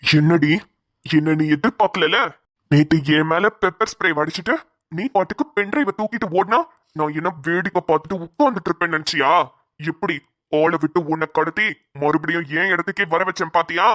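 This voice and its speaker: A woman's voice: lowish voice, a little fast, fairly bright tone, dry recording, clean studio sound, close to an everyday voice. Woman voicing a bald gloating villain. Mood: taunting. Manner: menacing, taunting. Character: bald gloating male kidnapper villain, cruel. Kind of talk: cartoon voice acting.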